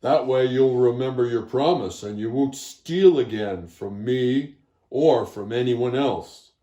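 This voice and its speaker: A man voicing a scary, stern old male gila monster in a storybook tale, speaking slowly and solemnly. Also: medium pitch, lo-fi sound, lightly acted. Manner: slow, loud and solemn. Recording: roomy echo.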